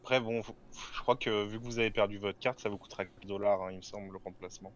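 A man's voice: on the low side, steady tone, quick pace, lo-fi sound, a little hiss or hum, natural voice. A man playing a matter-of-fact newsroom colleague. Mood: helpful. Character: helpful male newsroom colleague. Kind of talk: casual role-play dialogue.

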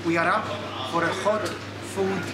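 A man, hosting a food challenge and calmly explaining the rules in a restaurant. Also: high voice, normal speed. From Greece. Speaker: host. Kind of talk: casual presenting. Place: indoor restaurant. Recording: loud background noise in restaurant.

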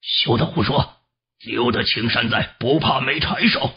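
A man's voice: medium pitch, measured pace, gravelly, husky, full character voice. A man voicing a grave old male warrior elder who speaks in a stern, commanding way, in a dull lo-fi audiobook recording.

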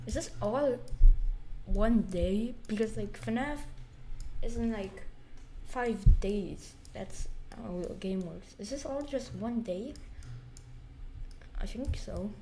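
Young woman gaming, slow jumpy muttering, faint clicking behind. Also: mid-range voice, dark tone, a little hiss or hum. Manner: jumpy, muttering, shrieking at scares, whispered counting. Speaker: gamer. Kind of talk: let's play commentary.

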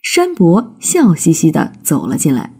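A woman reading a classic folk tale aloud as a storybook narration, with slow, expressive delivery. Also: low voice, gravelly, slightly rough.

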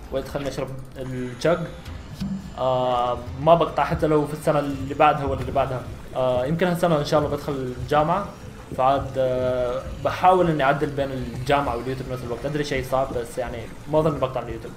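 Young Saudi streamer, 19, Saudi accent, rapid chatty delivery, roomy home setup. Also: male voice, mid-range voice, slight background noise. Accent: Saudi Arabic. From Saudi Arabia. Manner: chatty, bursts into loud exclamations during fights. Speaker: gaming YouTuber. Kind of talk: casual gameplay commentary with Q&A. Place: small room at home, seen on facecam.

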